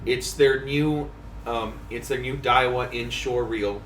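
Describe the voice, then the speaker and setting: A man's voice: medium pitch, fairly even intonation, takes it slowly, fairly bright tone, distant mic, slight background noise. A man hosting a casual chat about fishing tackle at a trade show, thoughtful and full of ums and restarts. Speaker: podcast host, fishing editor. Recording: roomy, off-mic, faint hall ambience.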